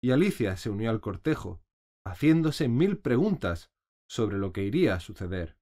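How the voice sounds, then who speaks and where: A man narrating a storybook audiobook in an expressive reading voice. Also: lowish voice, moderate pace.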